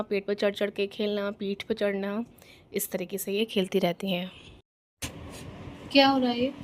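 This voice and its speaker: A woman's voice: medium pitch, a little mellow. A young woman chatting casually at home into her phone's front camera, teasing playfully about her toddler. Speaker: vlogger. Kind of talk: casual home vlog narration. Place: home bedroom.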